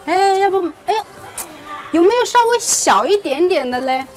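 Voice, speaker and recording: High-voiced woman hosting a casual teaching vlog. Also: expressive, normal speed. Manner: names and repeats items for learners. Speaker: vlog host teaching Chinese. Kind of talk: casual market vlog with simple teaching explanations. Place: busy market, on location. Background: music.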